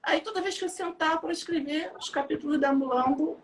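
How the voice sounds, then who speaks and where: Lady, high voice, chatty and laughing, telling stories about her book. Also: fairly quick. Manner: lively, laughing anecdotes. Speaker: author presenting her book. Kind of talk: casual storytelling talk.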